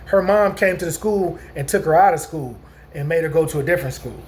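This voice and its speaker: A man's voice: a little high, brisk, darkish tone, a little hiss or hum. A man in his late forties telling a long, rambling story in a casual vlog, restarting sentences and asking his listeners whether they follow. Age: 40s. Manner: rambling, repeats "you know what I'm saying", frequent restarts. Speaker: vlogger.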